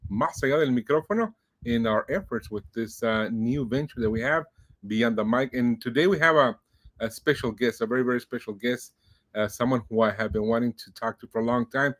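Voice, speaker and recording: A man's voice: mid-range voice, brisk. A middle-aged man hosts a casual interview podcast. He rambles through his introductions with plenty of ums and restarts, circling back to repeat himself as he goes. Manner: warm-hearted, rambling, many fillers. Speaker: podcast host.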